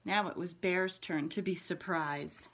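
A woman, a pre-K teacher, reading a picture book aloud to children, explaining the pictures gently. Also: fairly low pitch, fairly even intonation, a little slow, a little hiss or hum.

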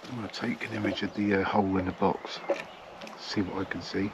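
Middle-aged English man, low and level delivery, casual outdoor vlog, arm's-length camera. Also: level tone, fairly quick, heavy background noise. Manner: plain, chatty, matter-of-fact. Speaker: wildlife photographer. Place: outdoors in a field by trees.

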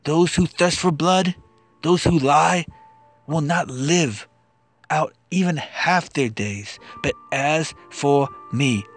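A man's voice: a little high, takes it slowly. A man giving a solemn, impassioned, dramatized biblical narration of a psalm as a scripture reader. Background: music.

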